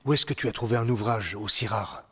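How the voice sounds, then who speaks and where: A man's voice: fairly low pitch, a little fast, sharp tone, slightly rough. An actor playing an earnest, curious young male hero in a French video game dub, asking plenty of questions. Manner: inquisitive, earnest.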